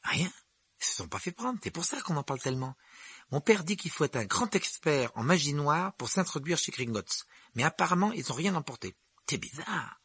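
A man voicing an eager, talkative young wizard boy who rambles excitedly. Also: a little high, normal speed, breathy edge, no echo, voice pushed up, exaggerated voice. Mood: chatty. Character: chatty eager red-haired wizard boy.

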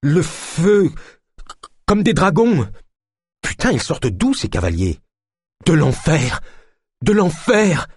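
A man's voice: a little high, very animated, slow, long pauses, husky, dry recording, clean studio sound, voice pushed up, exaggerated voice. A man voicing a panicky, terrified young man who stammers and cries out in an audiobook. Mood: panicked. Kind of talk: audiobook character voice.

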